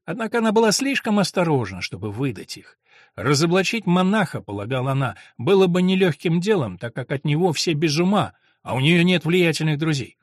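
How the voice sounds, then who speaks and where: A man narrating an audiobook in a dramatic, expressive reading, close to a studio mic. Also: fairly high pitch, fairly quick, dry recording.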